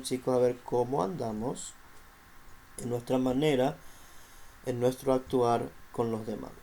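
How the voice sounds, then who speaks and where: A middle-aged male teacher, explaining a class lesson to students, asking rhetorical questions and often pausing on "este". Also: medium pitch, dark tone.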